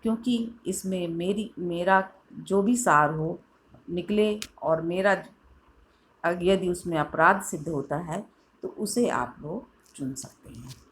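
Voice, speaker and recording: Woman teacher, middle-aged, slow and lowish voice, reads verse with emphasis, faint noise. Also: fairly bright tone. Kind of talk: Hindi poetry lesson, reading and explaining verses.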